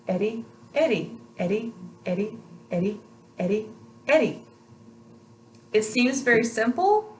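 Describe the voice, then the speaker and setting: A woman's voice: mid-range voice, poor audio. Lady teaching how to roll your r's, repeats the practice sounds encouragingly, mid voice, bit of noise behind her. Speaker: language pronunciation teacher. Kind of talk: instructional pronunciation lesson, demonstrating rolled R exercises.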